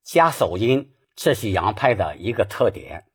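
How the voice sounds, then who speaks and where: A man teaching Peking opera singing, taking each point of technique in turn. His voice is a little husky, and his pitch moves a lot as he speaks. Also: very animated, measured pace. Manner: patient, explains technique step by step. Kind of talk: spoken singing lesson.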